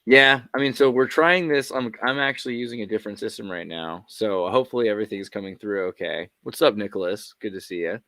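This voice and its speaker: A man's voice: fairly low pitch, fast talker, few pauses, sharp tone, no room sound. A man hosting a casual livestream, chatting loosely and joking as he checks his new setup. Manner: loose, rambling, jokey. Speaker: livestream host.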